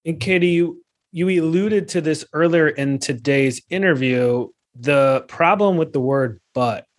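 A man hosting a podcast, asking measured, polite questions and closing the show. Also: fairly high pitch. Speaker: podcast host.

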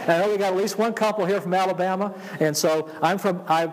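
High-pitched Southern preacher in a reverberant hall. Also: male voice, steady tone, fast. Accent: Southern US, Georgia. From Georgia, United States. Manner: call-and-response, repeats phrases for emphasis. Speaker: pastor. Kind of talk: sermon. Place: church, preaching to a congregation. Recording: long hall reverb of a large room.

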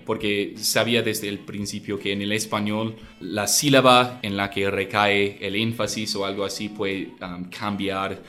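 Low-voiced man speaking Spanish with a foreign accent. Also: little pitch movement, a little slow, hardly any pauses, bright, forceful tone, faint music behind. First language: not Spanish. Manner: thoughtful, often restarting words. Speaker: conversation partner. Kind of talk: casual conversation.

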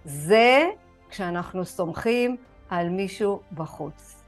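A woman's voice: lowish voice, lively intonation, faint music behind. A woman with an Israeli accent leading an online recovery group, telling a personal story with feeling and acting out her own prayers and conversations. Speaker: spiritual recovery group facilitator. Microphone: video call.

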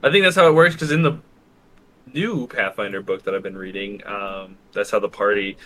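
A man's voice: fairly low pitch, normal speed, bright, forceful tone. A man playing a tabletop game, chatting casually about rules, with some noise in the recording. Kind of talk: casual chat.

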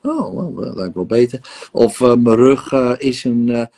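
A man's voice: medium pitch, measured pace, warm tone. A man guiding a casual coaching conversation, talking animatedly with many fillers and acting out inner voices. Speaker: host and session guide. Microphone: online live session.

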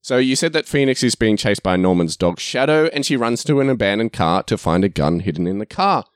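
A man's voice: fairly low pitch, lively intonation, fairly quick, no room sound, studio quality. A man co-hosting a casual movie review podcast, teasing his co-host and laughing often as he reads through notes.

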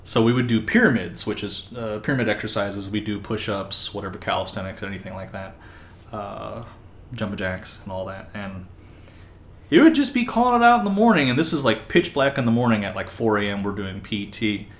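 A man in casual chat, telling relaxed, rambling anecdotes with fillers like "uh". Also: on the low side, brisk, echoey room, slight background noise.

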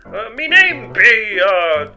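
A chipper, earnest space hero from an old-time radio serial, as a man plays him. His voice sits high and sounds brilliantly bright, rising and falling widely while he speaks at a slow, deliberate pace. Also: sing-song, faint music behind, exaggerated voice. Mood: flustered fake pirate. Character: heroic male space ranger, cheerful and earnest. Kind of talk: retro radio serial parody.

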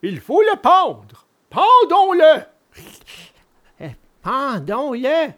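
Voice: sits high, very animated, drawn-out words, sharp tone, pitched above the performer's own voice, heavily acted. A storybook reader voicing a pair of cruel male assassins, threatening and mocking their victim. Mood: sneering. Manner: threatening, sneering.

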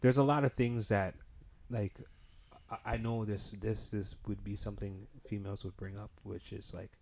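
A man's voice: on the low side, steady tone, normal speed, creaky, darkish tone, a little hiss or hum. A young man hosting a casual chat, speaking in a hesitant, rambling way with heavy street slang. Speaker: podcast host.

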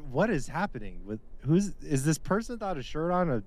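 A man's voice: on the high side, big pitch swings, brisk, darkish tone. A man co-hosting a podcast with casual banter, asking blunt, incredulous questions. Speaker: podcast co-host.

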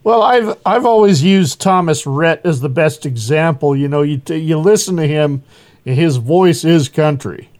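A man hosting a casual interview, relaxed, often chuckling and restarting his sentences. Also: on the high side, unhurried. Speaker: interview host.

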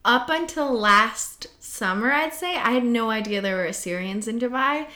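A woman's voice: fairly high pitch, moderate pace, sharp tone. Woman asking curious interview questions. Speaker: podcast interviewer. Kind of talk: casual interview conversation.

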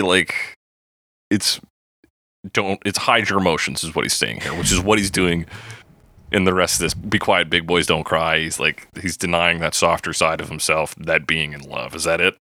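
A man's voice: low voice, fairly even intonation, moderate pace, sharp tone, no room sound, clean studio sound. A man co-hosting a podcast, chatting casually and animatedly about a song, reading lyrics aloud and swearing now and then. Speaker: podcast co-host. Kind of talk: casual song-breakdown chat.

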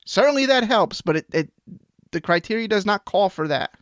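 Easygoing higher-voiced man co-host. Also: animated, a little fast, fairly bright tone, no echo, clean studio sound. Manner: easygoing, hesitant restarts. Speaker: podcast co-host. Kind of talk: casual chat.

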